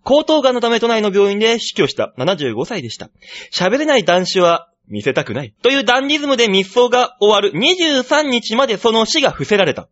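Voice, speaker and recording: A man hosting a comedy talk show, chatting playfully and reading out news items with animated delivery. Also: high voice, quick pace, lo-fi sound. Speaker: comedy podcast host.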